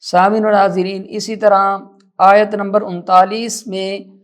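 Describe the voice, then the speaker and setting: A patient Quran reading teacher explaining pronunciation at an unhurried pace. The voice sits in a middle pitch and stays calm and instructive, stretching difficult words out and repeating them for correction.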